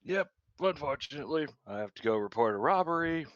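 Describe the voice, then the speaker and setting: A man player in a tabletop game, sarcastic and quick to argue. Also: on the high side, lively intonation, a bit bright, dry recording, highs cut off. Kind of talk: tabletop role-play chat.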